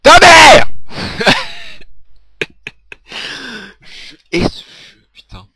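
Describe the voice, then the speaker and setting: A young man commentating his own gameplay, swearing, shouting at the game, laughing and half-singing to himself. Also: very high voice, huge pitch swings, drawn-out words, vocal fry, no room sound. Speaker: gaming video creator.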